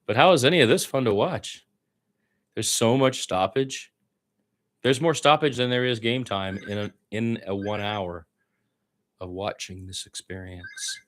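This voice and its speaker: This is a play-by-play man covering basketball with informal radio-style commentary, his fairly low voice moving a bit slowly. He adds blunt, opinionated remarks in a conversational way.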